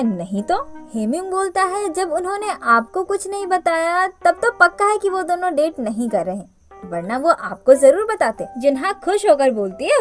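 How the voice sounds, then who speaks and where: A woman casually retelling a drama plot, with chatty, playful asides to her viewers. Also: sits high. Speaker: drama recap narrator. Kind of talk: casual storytelling recap.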